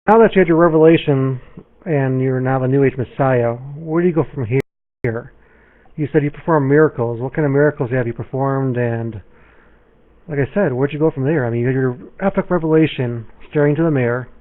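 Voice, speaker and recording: A man hosting an interview, asking deliberate, probing questions. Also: medium pitch. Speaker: interview host. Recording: tinny phone-line audio.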